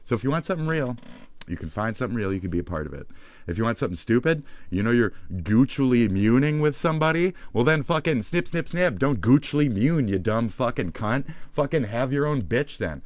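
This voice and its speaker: A man's voice: medium pitch, lively intonation, a little fast, no room sound. A man streaming live, giving heated, profane, sarcastic commentary.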